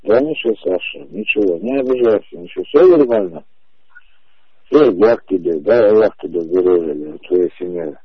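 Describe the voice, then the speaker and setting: A man in his forties arguing over the phone, calmly insistent and repeating himself to drive each point home. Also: sits low, moderate pace, breathy edge, no room sound. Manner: insistent, repetitive, calmly emphatic. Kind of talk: heated phone conversation. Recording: muffled phone-call audio.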